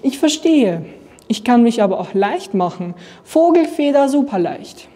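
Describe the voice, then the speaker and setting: A huge, good-natured blue monster from a picture book, voiced by a young woman reading aloud. It speaks in a mellow, slightly lowered, mumbling voice. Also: very animated, a little slow, in a large hall. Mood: cheerful.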